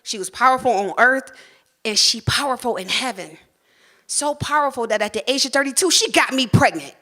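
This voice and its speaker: A woman, telling a personal story live on stage and acting out the voices she quotes. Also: a little fast. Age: 40s. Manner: animated, acts out quoted voices with big pitch jumps.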